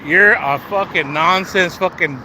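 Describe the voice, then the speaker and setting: A man's voice: sits high, a little slow. A man livestreaming as he walks along a city street, joking and swearing as he talks straight to his chat. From United States. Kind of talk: casual walk-and-talk livestream. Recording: street traffic noise. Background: traffic and street noise.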